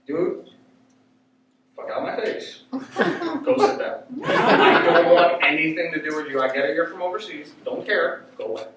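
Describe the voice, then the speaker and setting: A man's voice: fairly high pitch, sing-song, normal speed, pauses often, very noisy. A man voicing a curt, dismissive male maitre d' who brushes someone off bluntly, heard in an echoey room from a distance.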